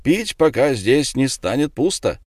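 A man voicing a bold, cunning young prankster hero who shouts brash, mocking retorts. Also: mid-range voice, big pitch swings, moderate pace, no echo, clean studio sound, voice pushed up, natural voice.

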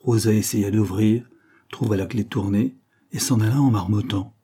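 A man narrating a classic novel as an audiobook, in a measured, even storytelling manner. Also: lowish voice, slightly rough.

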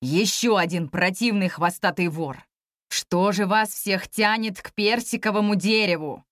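A woman voicing a stern, mocking male celestial general in a storybook reading, speaking lower than her own voice and scolding. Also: measured pace, a bit bright, dry recording, clean studio sound, natural voice. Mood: scornful.

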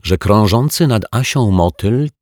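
A man narrating a children's story in a slow, measured way. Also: fairly low pitch, expressive, a little mellow, no room sound, clean studio sound.

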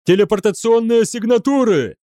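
Panicked male bridge officer, howling, much higher pitch, voiced by a male narrator. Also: animated, a little fast, a little mellow, dry recording, studio quality, close to an everyday voice. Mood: frantic. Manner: frantic, howling reports.

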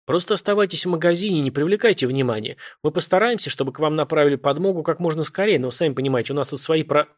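A man voicing a harried police officer working the phones, brisk and firm, trying to reassure callers. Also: fairly high pitch, voice pushed up, natural voice. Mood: pressed. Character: harried male police dispatcher, calm but pressed.

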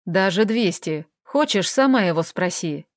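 A woman's voice: lowish voice, lively intonation, measured pace, dry recording, clean studio sound. A woman reading an audiobook, voicing a blunt, coarse, pushy man in an offhand manner.

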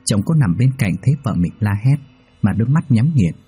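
A man narrating a ghost story in a measured, even manner. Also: fairly low pitch, breathy edge. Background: faint music.

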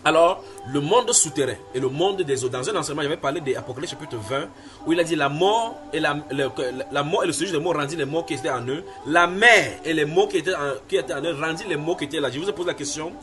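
A man's voice: a little high, fast. A man preaching a Bible sermon, emphatic, repeating phrases and putting questions to his listeners. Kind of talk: sermon teaching with Bible reading.

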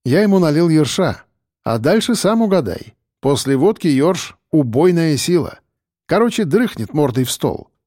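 A man reading an audiobook voices Kolya, a brash, joking male sidekick, in a higher, livelier voice. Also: sing-song, normal speed, warm tone, dry recording, studio quality. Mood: cheeky.

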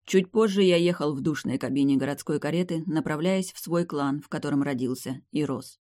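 A man's voice: a little high, brisk, darkish tone, no room sound, clean studio sound. Man narrating a dramatic novel. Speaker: audiobook narrator. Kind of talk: scripted first-person narration.

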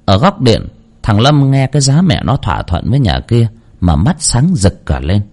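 A man narrating a spooky folk story in a steady, measured way. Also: mid-range voice. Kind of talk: scripted horror story narration.

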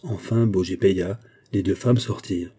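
A man narrating a classic novel as an audiobook, in a measured, expressive reading. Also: sits low, slightly rough.

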